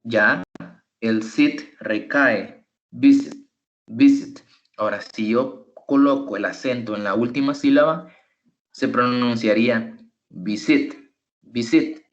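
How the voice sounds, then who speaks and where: A man's voice: medium pitch, unhurried, fairly bright tone, lo-fi sound. A man tutoring English over an online call, explaining spelling rules patiently, step by step. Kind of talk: online teaching.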